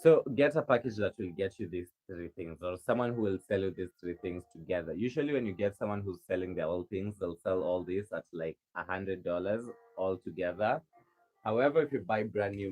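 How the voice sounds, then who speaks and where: This low-voiced, slightly mellow man speaks at a normal speed on a low-quality recording. He's a rug maker from Kenya fielding viewer questions on a livestream, chatty and helpful but rambling and often restarting his sentences.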